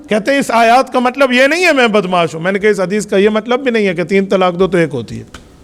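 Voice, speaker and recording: Male Pakistani cleric, high voice, rhetorical sermon delivery, reverberant mosque hall. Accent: Pakistani Urdu. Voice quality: emphatic, rhetorical questions to the congregation. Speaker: mufti preaching Friday sermon.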